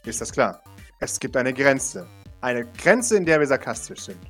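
A man's voice: medium pitch, big pitch swings, normal speed, soft background music. A man playing a stern male authority figure in a tabletop role-play, controlling and pressing for agreement. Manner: controlling, repeats the name, demands agreement. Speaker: game master.

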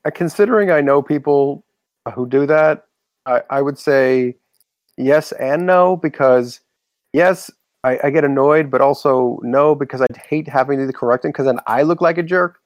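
A man's voice: mid-range voice, moderate pace, no room sound, clean studio sound. A man hosting a podcast, chatting casually and rambling with lots of restarts. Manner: rambling, self-correcting, many fillers. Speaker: podcast host. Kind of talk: casual chat.

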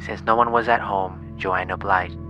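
A man narrating a scripted true crime show in a suspenseful, grave and measured storytelling manner. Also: low voice, fairly even intonation, dull audio. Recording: music behind the voice.

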